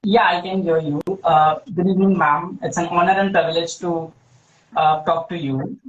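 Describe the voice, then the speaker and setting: A man's voice: on the high side, fairly even intonation, moderate pace, echoey room, recorded from a distance, a little hiss or hum. A man asking a polite, formal question over a video call, his voice muffled as if heard through a wall. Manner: polite and formal, slightly hesitant.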